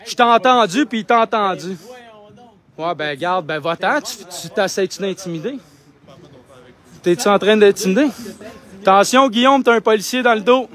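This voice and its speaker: A man's voice: sits high, normal speed, pauses often, a bit bright. A young man with a Québécois French accent livestreaming on his phone outdoors, talking in an indignant, insistent, argumentative way. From Quebec. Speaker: independent livestreamer. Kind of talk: live street vlog. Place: outdoors outside a building.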